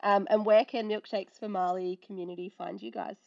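Husky, hoarse woman on a call. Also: medium pitch, fairly even intonation, fairly quick, a little mellow, highs cut off. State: hoarse from illness. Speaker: podcast host. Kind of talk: casual chat.

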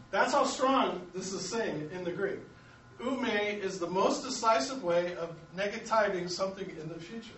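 American guy teaching sunday school, kinda high voice, echoey room picked up from far off. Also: fairly bright tone, a little hiss or hum. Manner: explanatory, self-correcting, chuckles at himself. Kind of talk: Bible lesson to a class. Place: church classroom. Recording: echoey room, mic at a distance.

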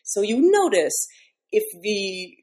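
A woman's voice: mid-range voice, sing-song, takes it slowly, a little mellow. A woman who is a classical singer, speaking as a guest in a podcast interview and explaining her work in a thoughtful way with many fillers.

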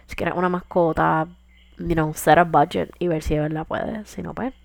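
Chatty young woman with gravelly low voice. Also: moderate pace, no echo. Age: 20s. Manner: animated, code-switching into English, joking asides. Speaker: podcast host. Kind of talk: casual chat.

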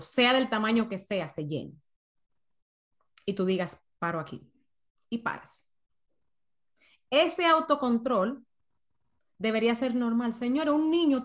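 A woman coach giving an emphatic workshop talk on emotional eating, repeating points and calling out to her listeners. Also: medium pitch. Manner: emphatic, repeats herself, addresses audience as señores.

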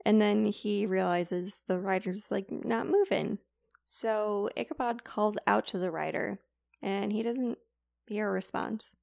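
A woman on a podcast retells an old tale in a loose, chatty way, full of "like" and asides. Her voice sits mid-range and carries a gravelly fry at the ends of phrases. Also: mid-range voice, steady tone, unhurried, darkish tone. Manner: chatty, filler-heavy, lots of "like". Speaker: podcast co-host retelling a classic story. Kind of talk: casual chat retelling.

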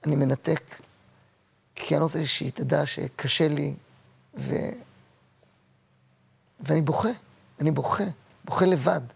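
A man in his sixties, a guest actor and comedian, telling personal stories in a halting, emotional way with many repeats. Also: a little high, fairly even intonation, creaky, breathy edge. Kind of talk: personal interview storytelling.

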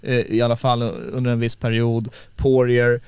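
A man's voice: mid-range voice, monotone, a little mellow, clear, resonant tone, dry recording. A man in casual podcast chat about fights, talking loosely and mixing English phrases into his speech.

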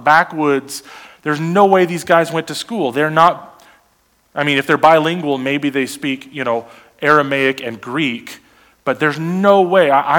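Preaching a sermon as pastor, a man with a medium-pitched voice is animated and keeps throwing rhetorical questions at the congregation.

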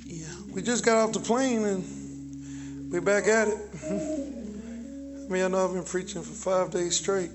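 Man, preacher, very high-pitched voice, exhorting call-and-response sermon, shouts and jokes, church. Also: takes it slowly, long pauses, music in the background. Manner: exhorting, shouting at the congregation, joking. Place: church sanctuary.

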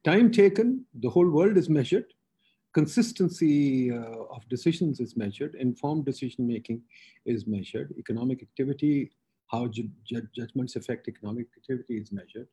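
A man's voice: medium pitch, a little fast, dark tone, slightly rough, rough recording. A man with a Pakistani accent hosting a webinar, presenting informally with slides in short, emphatic statements. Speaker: webinar host.

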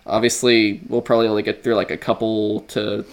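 Rambling low-voiced man hosting a podcast. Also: level tone, a little fast. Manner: rambling with many fillers and restarts. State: dry throat. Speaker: podcast co-host. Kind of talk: casual podcast outro.

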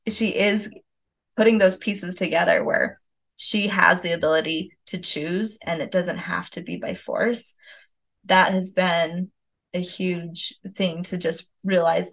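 A woman in her thirties with a somewhat low voice and a gravelly fry in her tone. She hosts a relaxed parenting conversation, reflective and affirming, often paraphrasing back what her guest says. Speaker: parenting podcast host and mother. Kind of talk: casual conversational interview.

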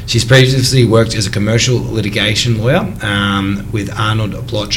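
Low-voiced podcast host. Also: male voice, steady tone, normal speed, a little hiss or hum. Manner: reads the intro with um's and small stumbles. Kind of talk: podcast introduction and interview.

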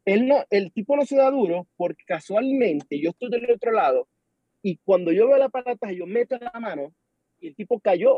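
A young Venezuelan man with a Venezuelan accent, chatting as a podcast guest and telling an animated story while acting out the dialogue. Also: high voice, no echo. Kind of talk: casual chat. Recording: dull lo-fi sound.

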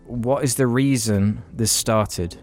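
A man's voice: mid-range voice, slow pace, darkish tone, soft background music. A young man, telling a long story in casual podcast chat and swearing freely. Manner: rambling storytelling, heavy swearing. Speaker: podcast co-host.

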